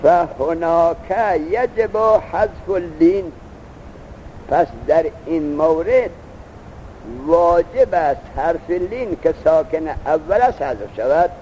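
A man's voice: on the high side, lively intonation, mellow, slight background noise. A man teaching a seminary grammar lesson, reciting Arabic text and then explaining it patiently. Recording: dull lo-fi recording.

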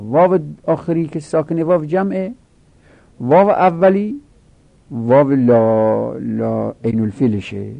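A man's voice: fairly low pitch, gravelly, dark tone, slightly rough, no room sound. A middle-aged man teaching a grammar lesson, reciting word forms in rhythmic drills and rising with emphasis on key points.

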